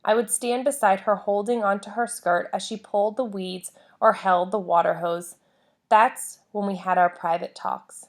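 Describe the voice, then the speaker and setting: Woman reading a memoir aloud, measured phrasing. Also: mid-range voice, fairly even intonation. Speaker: audiobook-style reader of a memoir. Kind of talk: scripted read-aloud narration.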